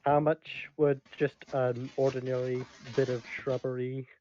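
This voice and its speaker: A man playing in a tabletop game, talking in a deliberate way. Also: mid-range voice, little pitch movement, mellow, dull audio. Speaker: player. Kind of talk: casual tabletop game play.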